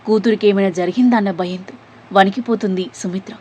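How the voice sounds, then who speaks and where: A woman's voice: mid-range voice, fairly even intonation, fairly quick, a little mellow, slight background noise. A woman narrating a serialized family drama story, reading the characters' lines herself.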